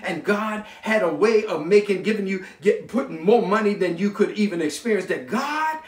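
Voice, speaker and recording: A man's voice: high-pitched, expressive, normal speed. A man preaching a sermon as pastor, impassioned, calling on the congregation to answer back and repeating his words. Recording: echoey room, mic from far off.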